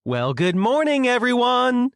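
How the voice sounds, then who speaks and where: A man's voice: very high-pitched, sing-song, a little slow, fairly bright tone, clean tone, no echo, studio quality, voice pushed up, exaggerated voice. A male narrator voicing a cheerful young man tour guide who talks in a sing-song way. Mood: cheery.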